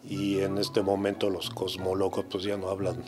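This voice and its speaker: A man's voice: low-pitched, completely flat delivery, moderate pace, over music. A man giving an unscripted explanation as an interviewed expert.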